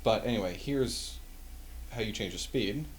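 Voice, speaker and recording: Over soft background music and poor audio, a man whose voice is on the low side unhurriedly shows off vintage audio equipment in a casual, hands-on way, offhand and self-deprecatingly wry.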